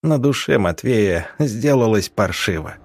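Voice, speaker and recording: A man narrating an audiobook in a measured, even way. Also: on the low side, background noise.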